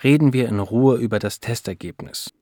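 A man's voice: medium pitch, moderate pace, darkish tone, no echo, studio quality, lightly acted. A man voicing a serious female lab doctor who speaks earnestly and hesitates over bad news. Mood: firm.

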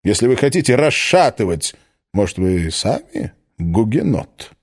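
A man reading a satirical story, voicing a smug, aging cardinal and first minister with a sardonic, drawn-out delivery. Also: lowish voice, sing-song, exaggerated voice. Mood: irritated.

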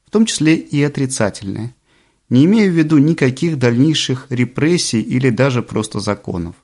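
Narrating an audiobook, this man keeps a calm, deliberate manner throughout. His voice is mid-pitched for a male, he eases his pace on key phrases for emphasis, and he never loses his even composure.

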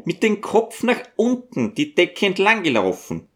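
Ein Mann, der einen älteren Erzpriester spricht, der schmeichelnd nachfragt. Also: male voice, sits high, wildly swooping pitch, measured pace, fairly bright tone, voice pushed up, exaggerated voice. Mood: coaxing. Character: coaxing older male archpriest.

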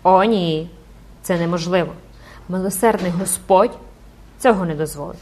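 A woman's voice: on the low side, moderate pace, a little mellow, a little hiss or hum, close to an everyday voice. A woman voicing an older mother, torn between tearful joy and terror, who cries out prayers to God. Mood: frantic. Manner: emotional, exclaiming prayers. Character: older grieving mother, frantic and overjoyed.

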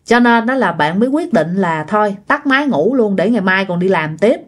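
A woman telling ghost stories in a casual spoken way, lively and repeating phrases to build suspense. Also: medium pitch, a little fast. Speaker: ghost story narrator.

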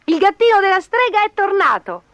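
A woman voicing a group of excited young children in a storybook reading. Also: fairly quick, dry recording, full character voice. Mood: eager. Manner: shrill, excited.

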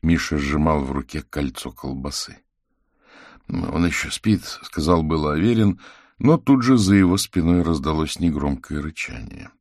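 A man's voice: rumbling low, lively intonation, moderate pace, darkish tone, dry recording, studio quality. A man reading a novel aloud as a single narrator, voicing every character himself. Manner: reads every part himself, lifting his voice for child and cat lines. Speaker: audiobook narrator. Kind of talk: scripted narration.

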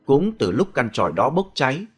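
Male horror audiobook narrator, animated pitch, dramatic reading. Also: fairly quick, slightly rough, faint music behind. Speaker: storyteller. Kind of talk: scripted horror story narration.

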